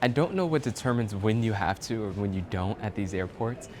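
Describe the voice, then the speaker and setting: A man's voice: on the low side, animated, brisk, background noise. A man talking casually to the camera as a travel vlogger in airports and on planes, chatty and easygoing. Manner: chatty, easygoing, rambling with fillers. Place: airports, planes and a shuttle bus. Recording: background music under the voice. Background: music.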